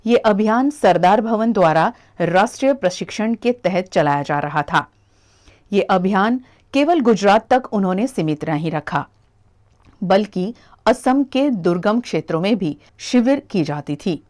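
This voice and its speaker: A woman reporter reading a scripted news voice-over in a measured, formal way. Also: medium pitch, lively intonation, a little mellow.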